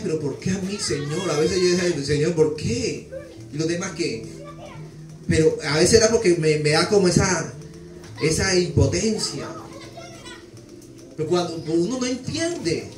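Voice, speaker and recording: High-voiced preacher, echoey church. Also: male voice, recorded from a distance. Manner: emotional, keeps addressing listeners as "hermano". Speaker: preacher giving testimony. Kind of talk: sermon testimony.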